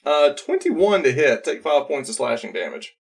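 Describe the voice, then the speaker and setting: A man's voice: a little high, very animated, moderate pace, creaky. A man narrating a tabletop role-playing game as game master, in a casual, playful way.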